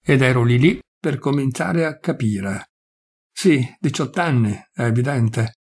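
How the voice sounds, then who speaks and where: A man reading a literary story aloud in a measured storytelling manner, lightly voicing the dialogue. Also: medium pitch, a little mellow, slightly rough. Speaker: reader.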